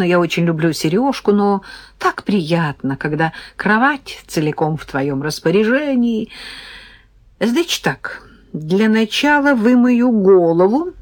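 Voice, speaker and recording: A woman reading an audiobook, voicing a cheerful, chatty young woman who teases her friend. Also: fairly low pitch. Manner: lively, chatty, playfully bossy. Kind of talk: audiobook character voice.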